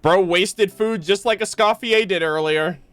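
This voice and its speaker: A man streams a game, reacting and thinking aloud in casual, slangy speech dotted with short interjections, game music playing behind him. His voice is high-pitched and a bit bright, a little slow, and the recording is dry.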